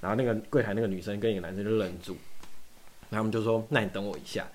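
A man's voice: fairly low pitch, fairly even intonation, racing. A young man from Taiwan telling a long story in casual chat, acting out both sides of every exchange. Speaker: podcast guest.

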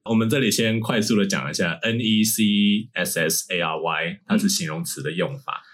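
A man's voice: lowish voice, normal speed, fairly bright tone. A man hosting a casual podcast as an English teacher, laughing often and slipping English words into his talk.

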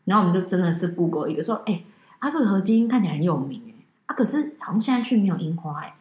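A woman co-hosts a casual chat, telling a story at a brisk pace. She acts out the quoted dialogue with animation. The room around her sounds echoey. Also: lowish voice, lively intonation, darkish tone. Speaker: podcast co-host.

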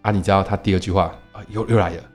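A man chats on a podcast at a rapid clip, his voice sitting fairly low. He tells stories in an animated way, quoting people and throwing out rhetorical questions. Faint music plays underneath. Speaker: podcast co-host; teacher. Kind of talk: casual chat, storytelling.

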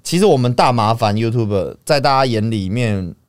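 A man with a Taiwanese Mandarin accent, a guest in a casual podcast chat, excitable, swearing freely and laughing often. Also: medium pitch, normal speed, clean tone, dry recording.

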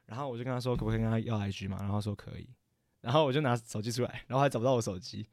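Fast-talking young man rambling a story. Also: lowish voice, dry recording, clean studio sound. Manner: rambling, stammering, frequent self-corrections. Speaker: podcast co-host. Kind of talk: casual storytelling chat.

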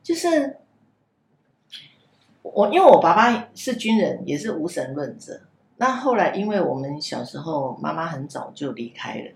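A woman telling a personal story in a casual podcast chat, halting and repeating words as she goes. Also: sits low, very animated, creaky. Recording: roomy echo, faint background hiss.

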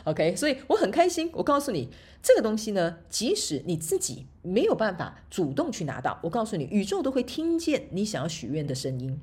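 Chatty woman with a husky voice. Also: mid-range voice, wildly swooping pitch, a little fast, a little mellow. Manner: chatty storytelling, laughs often, tag particles. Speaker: podcast host and motivational speaker. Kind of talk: casual solo podcast talk.

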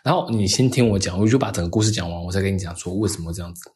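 Husky low-voiced man telling a rambling story. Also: racing, darkish tone. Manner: rambling, many restarts and fillers. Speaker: podcast co-host. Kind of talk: casual chat, storytelling.

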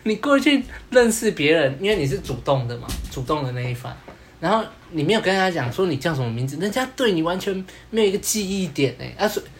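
A man's voice: fairly high pitch, sing-song, fast, slight background noise. Rambling male podcast co-host. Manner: rambling, repeats "对，对" often. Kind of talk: casual chat.

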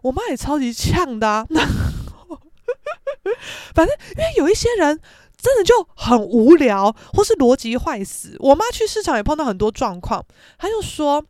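Podcast host, young Taiwanese woman; high, animated, brash, swears freely, acts out every voice in her stories. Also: moderate pace, no room sound, clean studio sound. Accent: Taiwanese Mandarin. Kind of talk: casual storytelling.

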